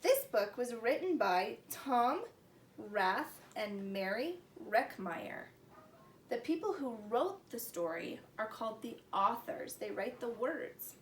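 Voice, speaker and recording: Leading a preschool read-aloud, this woman uses a slow, sing-song delivery in a higher register, posing simple questions to small children in a teacherly way. The mic is distant, the room roomy, and there is faint background noise.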